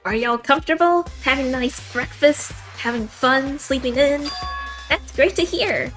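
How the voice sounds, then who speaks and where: A woman's voice: sits high, measured pace, a bit bright, soft background music. A woman voicing a gleeful, mocking Killing Game announcer with theatrical announcer hype and taunting mock cheer. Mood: mock cheerful. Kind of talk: fan visual novel read-aloud.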